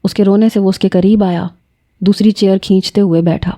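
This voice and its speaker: A woman narrating a romance novel aloud with steady, dramatic storytelling. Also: mid-range voice.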